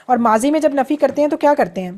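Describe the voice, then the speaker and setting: A woman's voice: high-pitched, expressive, darkish tone. A woman teaching an online grammar class, explaining patiently step by step and drilling verb forms.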